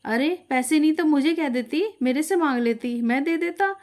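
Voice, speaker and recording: A woman voicing a stingy young husband who blames his wife, speaking loud and indignant. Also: high voice, fairly quick, pitched above the performer's own voice, natural voice.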